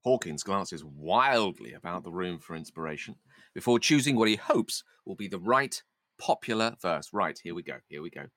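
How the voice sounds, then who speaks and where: A man's voice: low voice, animated, moderate pace, a bit bright, dry recording, clean studio sound. A man reading stage directions in a script read-through, dropping in casual asides.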